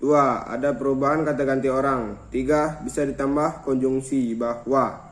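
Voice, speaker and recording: A man's voice: mid-range voice, fairly even intonation, normal speed, reverberant, rough recording. A young man reading a grammar lesson aloud from notes, listing points by number and now and then stumbling and restarting a word.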